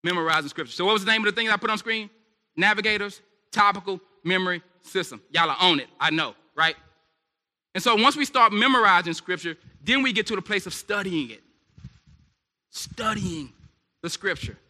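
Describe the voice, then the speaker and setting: A man preaching at a church service in an animated, conversational way, throwing questions out to the congregation. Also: high-pitched, brisk. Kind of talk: sermon. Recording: echoey hall reverb.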